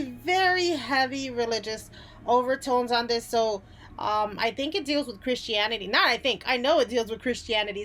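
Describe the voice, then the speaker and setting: A woman who makes video game content on YouTube hosts a casual top-ten list video. Her high voice is a bit bright, and she talks informally and conversationally, tossing in offhand asides.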